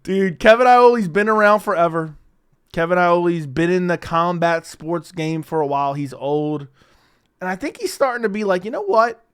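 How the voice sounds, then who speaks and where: A man with a high voice commenting on combat sports footage. He sounds exasperated and mocking, and argues his case as he goes. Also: normal speed, fairly bright tone, clean tone. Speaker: video commentator.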